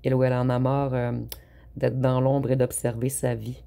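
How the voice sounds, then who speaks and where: Card reader, deep dark gravelly voice, lots of euh pauses. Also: monotone. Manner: unhurried, hesitant, with frequent "euh" pauses. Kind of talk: spoken tarot reading for online viewers.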